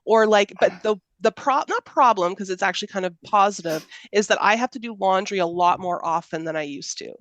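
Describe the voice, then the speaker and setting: A woman's voice: medium pitch, fairly quick, hardly any pauses, dry recording. A woman co-hosting a podcast, chatting casually and often affirming with mm-hmms. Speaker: podcast co-host. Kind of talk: casual chat.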